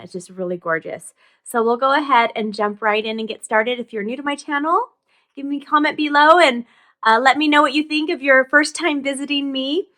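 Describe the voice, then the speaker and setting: A woman's voice: on the high side, pushed and bright. A middle-aged woman hosting a casual craft tutorial, chatty and upbeat, thinking aloud as she works.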